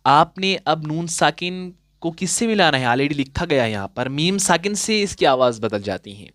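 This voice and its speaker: A man teaching Quran recitation rules in a patient classroom style, asking questions and answering them himself, and slowing down to recite example verses. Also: fairly high pitch, lively intonation, fairly bright tone, dry recording. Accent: Urdu-inflected Hindustani. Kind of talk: classroom-style tajweed lesson.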